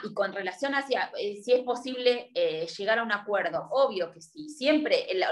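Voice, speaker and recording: A woman's voice: mid-range voice, fairly bright tone. A woman with an Argentine accent gives a university law lecture, explaining step by step and checking in often with her listeners. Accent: Argentine Spanish. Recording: roomy echo.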